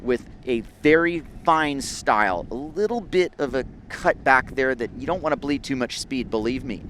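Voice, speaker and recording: A man's voice: medium pitch, animated, normal speed, a bit bright, slight background noise. A man giving live surf competition commentary in a laid-back, conversational surfer-announcer way.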